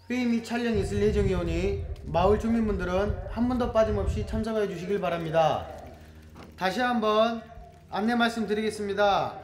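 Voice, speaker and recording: A man making a slow, formal village announcement over an outdoor loudspeaker, phrase by phrase. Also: sits high. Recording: echoey outdoor loudspeaker with crowd around.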